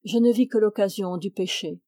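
A woman's voice: medium pitch, normal speed, mellow, no echo, studio quality, lightly acted. Augustin, a fervent devout young man, read by a woman. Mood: earnest. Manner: fervent, solemn, pleading. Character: earnest devout young man declaring love.

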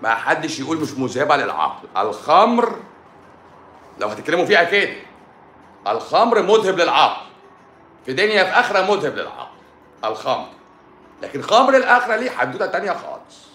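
Sarcastic Egyptian man scolding fast. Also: fairly high pitch, wildly swooping pitch, pushed and bright, reverberant, slight background noise. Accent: Egyptian Arabic. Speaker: doctor answering viewers. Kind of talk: live stream chat.

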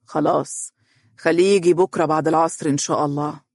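A man playing a calm, measured middle-aged father with an Egyptian accent. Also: fairly high pitch, vocal fry, dry recording, clean studio sound. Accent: Egyptian Arabic.

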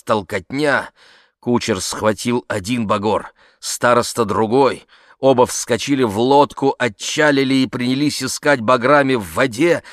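Чтец-мужчина, драматичное размеренное чтение, без эха. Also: male voice, mid-range voice, a bit bright, dry recording, studio quality. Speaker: audiobook narrator. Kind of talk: scripted narration.

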